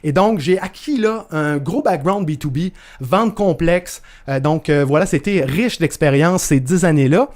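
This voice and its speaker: A man with a Québécois French accent leads a live online masterclass, his voice sitting a little high for a man. He talks in a loose, chatty way, with plenty of fillers and restarts, and greets viewers by name. The sound comes through a video call. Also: moderate pace, few pauses, a little mellow. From northern Quebec, Canada. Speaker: masterclass host. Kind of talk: live webinar presentation.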